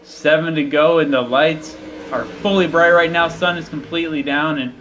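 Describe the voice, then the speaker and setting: A man's voice: a little high, steady tone, moderate pace, fairly bright tone, a little hiss or hum. A man giving live motorsport commentary in an informal, chatty, conversational way.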